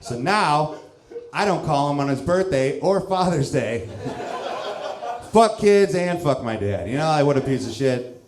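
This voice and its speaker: A man's voice: on the high side, lively intonation, measured pace, reverberant, crowd noise. Laid-back man in his thirties doing stand-up. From St. Louis, Missouri, USA. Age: 30s. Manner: loose, self-mocking, chuckles through lines. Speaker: stand-up comedian. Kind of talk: stand-up comedy set. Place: comedy club stage.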